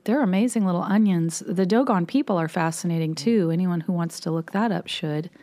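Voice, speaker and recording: A woman's voice: fairly low pitch, a little fast, warm tone. A middle-aged woman co-hosting a podcast, chatting casually and explaining things at length. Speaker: podcast co-host. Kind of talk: casual chat.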